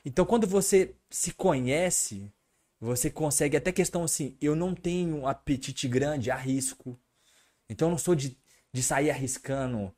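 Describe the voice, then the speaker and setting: A man co-hosting a casual podcast, getting animated and louder when worked up. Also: fairly high pitch, moderate pace. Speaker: podcast co-host.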